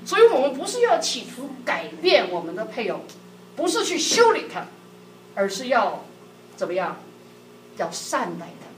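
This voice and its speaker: Lively woman telling church stories. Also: a little high, normal speed. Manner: lively, laughing often, acts out quotes. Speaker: church speaker on marriage. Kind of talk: sermon-like personal storytelling. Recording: echoey hall, distant mic, background noise.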